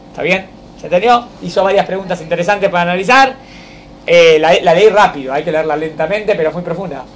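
A man, a rabbi, teaching a Torah lesson to students in a study hall, reciting verse slowly and then explaining it while checking that the class follows. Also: sits high, a bit bright, slight background noise. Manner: keeps checking understanding with the class.

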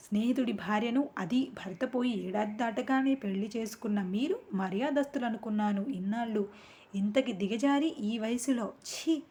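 A woman reading a story aloud, voicing an angry grown son who shouts harshly and scornfully at his mother. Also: on the high side, natural voice. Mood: outraged.

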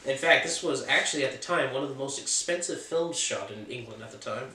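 A man's voice: medium pitch, animated, a little fast, pushed and bright, far from the mic. Chatty man reviewing films in a roomy space. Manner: chatty and opinionated, with offhand jokes. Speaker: film reviewer. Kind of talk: casual film review chat. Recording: roomy sound from off the mic.

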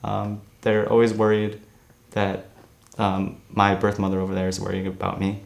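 Earnest teenage boy, low voice. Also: monotone, gravelly. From born in Korea, raised in New Jersey. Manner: earnest, many "um" pauses. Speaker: interviewee. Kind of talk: reflective interview answers. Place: studio against grey backdrop.

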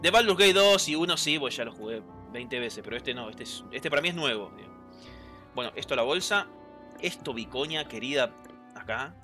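A man with a Rioplatense Spanish accent giving chatty, excitable gameplay commentary, reading game lines aloud and answering chat. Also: medium pitch, normal speed, faint music behind. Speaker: gameplay streamer.

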